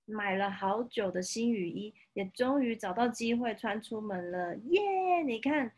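A woman with a Taiwanese Mandarin accent reading a picture book to a toddler, playful and expressive, pausing to ask the child questions. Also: mid-range voice. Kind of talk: interactive read-aloud storytelling to a toddler. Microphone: video call.

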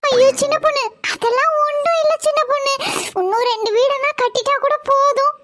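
Very high-voiced woman. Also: steady tone, brisk, fairly bright tone, no echo. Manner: pleading, wheedling, theatrical. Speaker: comedy sketch performer. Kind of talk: village comedy skit acting.

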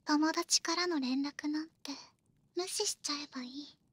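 A young woman voicing a possessive, coddling female wizard in ASMR role-play, coaxing with soft menace. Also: sits high, moderate pace, dry recording. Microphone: close, dry studio microphone.

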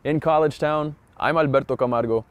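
A man reporting a local news story with a measured, polished delivery. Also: a little high, smooth.

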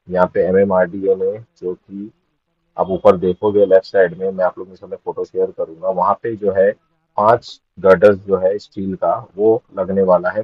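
A deep-voiced man reads out facts in a steady, informative voice-over with little rise and fall. His tone is husky. The recording is dry and somewhat dull. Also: no echo. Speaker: motovlogger. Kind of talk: voice-over explanation.

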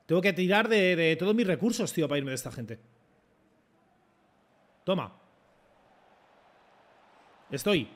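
A young man from Spain, commentating his own football game run with excited swearing and rants. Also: high voice, measured pace, long pauses. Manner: excitable, swears a lot, talks to the referee and coach. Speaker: gaming streamer. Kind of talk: live gameplay commentary.

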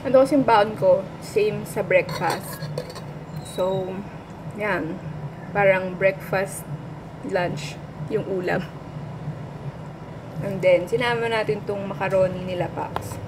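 Brief: middle-aged Filipino woman, slow and chatty food vlog, talks with her mouth full, camera mic at arm's length, steady noise and traffic behind. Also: mid-range voice. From Philippines. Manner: chatty, talks while eating, laughs often. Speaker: food vlogger. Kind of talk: casual mukbang chat, mixing Tagalog and English. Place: small indoor workplace room. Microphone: built-in mic of a front camera at arm's length.

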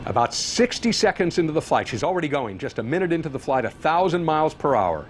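A man presenting live event commentary, explaining things with deliberate, emphatic phrasing. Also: a little high, big pitch swings. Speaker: broadcast presenter. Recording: faint noise behind voice.

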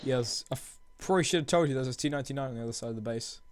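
A man's voice: medium pitch, racing. A young man co-hosting a gaming video, bantering and teasing in casual chat. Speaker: gaming channel co-host.

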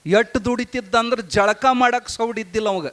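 A male preacher tells a devotional story. He speaks in lively local dialect and keeps a steady storytelling flow. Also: extremely high pitch, moderate pace. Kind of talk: storytelling sermon.

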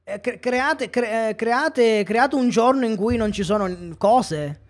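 Taking it slowly in a voice that sits high, a Sicilian-accented man from Catania streams a police game. As he comments live, he's playful, cracks jokes, and talks directly to his viewers.

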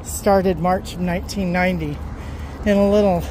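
Cars go by and outdoor ambience fills the phone audio as a middle-aged woman who drives trucks strolls with her dogs beside a road and parking lot, chatting casually and without hurry for her vlog. She speaks in a fairly low, steady tone, holding the phone as she walks.

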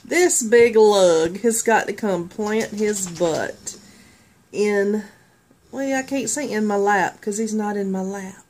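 A woman's voice: medium pitch, slow, darkish tone, slight background noise. A woman, chatting casually to the camera, laughing often. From southern United States. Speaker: vlogger. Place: in a car, then at home indoors. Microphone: phone camera at arm's length.

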